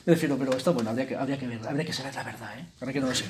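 A man leading a spiritual retreat in an informal, conversational way, often tagging his sentences with quick checks to the group and slipping in jokey asides. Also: medium pitch, background noise. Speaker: retreat leader.

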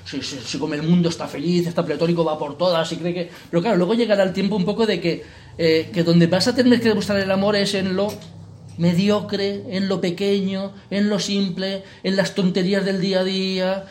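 A man's voice: sits high, level tone, a little fast, a little mellow, slight background noise. A man with an accent from Spain giving a retreat talk in a colloquial way, full of rhetorical questions and tag words. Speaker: retreat leader.

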